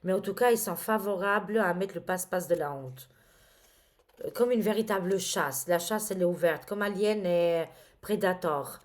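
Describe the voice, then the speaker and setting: Woman tarot vlogger, low-ish voice, theatrical gasps and sighs, chatty and hesitant. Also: normal speed. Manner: dramatic, exclaiming, many fillers. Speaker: tarot reader. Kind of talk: casual tarot reading to camera.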